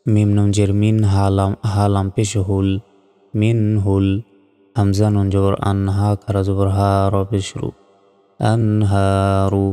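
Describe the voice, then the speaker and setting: A man teaches Quran reading, spelling each letter carefully before chanting the verse slowly. His voice is low, mellow and smooth. It echoes with a long reverb over faint music. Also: monotone. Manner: slow, careful letter-by-letter spelling with drawn-out recitation.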